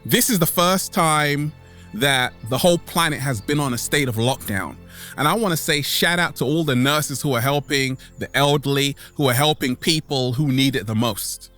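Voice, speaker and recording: This video host speaks to camera in an outdoor natural setting, delivering an exuberant motivational vlog full of catchphrases, drawn-out words, and playful repetition. He has a mid-range, pushed, bright voice at a moderate pace, with faint music behind.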